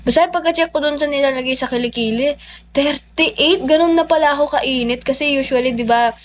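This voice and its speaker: A young woman livestreaming, telling a personal story in a chatty, animated way with lots of fillers. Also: high-pitched, a little fast, a little hiss or hum. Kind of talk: casual storytelling.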